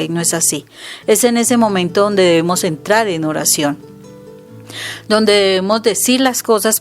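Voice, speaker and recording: Earnest woman explaining prayer. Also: medium pitch. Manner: earnest and explanatory, often quoting scripture. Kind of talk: conversational teaching.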